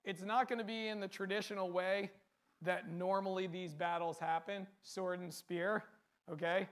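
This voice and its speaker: A man's voice: high-pitched, steady tone, normal speed. A man preaching a sermon, speaking earnestly in a repetitive cadence and often asking rhetorical questions.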